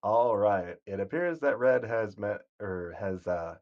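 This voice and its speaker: A man gives casual gameplay commentary over a game stream at a measured pace. His low voice is calm, soothing and sleep-inducing, and he rambles and corrects himself as he goes. The stream audio sounds dull and lo-fi.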